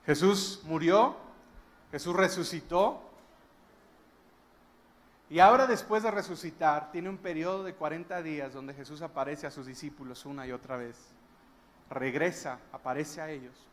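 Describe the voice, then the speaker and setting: A man's voice: fairly high pitch, moderate pace, pauses often. A man preaching a sermon as a guest pastor, retelling a story emphatically and breaking into wondering exclamations.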